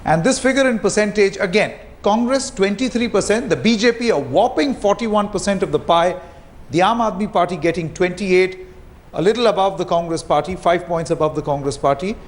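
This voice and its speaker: An Indian man presents survey results on a television news show. His voice is high, and he lays out the numbers clearly and methodically for viewers. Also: normal speed. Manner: clear, explanatory. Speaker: poll analyst.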